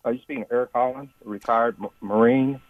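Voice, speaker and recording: A man, a retired Marine, calling in over the phone to a radio talk show with a question, talking haltingly with many fillers and restarts. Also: mid-range voice, steady tone, no echo. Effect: heard over the phone. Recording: tinny, distant phone line.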